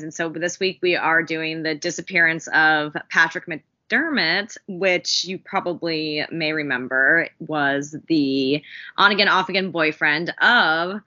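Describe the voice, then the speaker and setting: A woman's voice: low voice, sharp tone, dull audio. A woman chatting casually as the co-host of a podcast.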